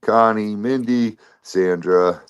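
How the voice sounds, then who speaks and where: Co-hosting a casual livestream, a man greets viewers one by one, reading their names aloud while his sinuses are congested. His voice is lowish, smooth and slow, and the sound is lo-fi.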